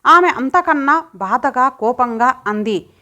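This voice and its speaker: A woman narrator giving a steady, expressive reading of a magazine short story for an audiobook. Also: high voice, takes it slowly.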